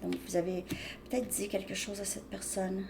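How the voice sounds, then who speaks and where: A woman speaks at an ordinary middle pitch as she gives a casual tarot reading to her viewers. Her speech is loose and rambling, full of small restarts. A faint hum of room ambience sits beneath her voice. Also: flat delivery, normal speed, gravelly. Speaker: tarot reader.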